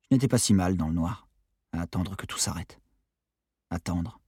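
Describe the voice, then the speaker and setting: A man narrating a first-person audiobook in an expressive, measured storytelling voice, recorded close in a booth. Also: deep voice, husky, no echo.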